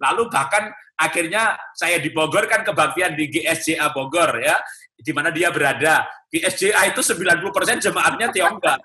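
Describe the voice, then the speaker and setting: A man's voice: a little high, a little fast, pushed and bright, echoey room. A man chatting about faith in a jovial way, laughing often as he makes his points. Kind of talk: casual faith talk.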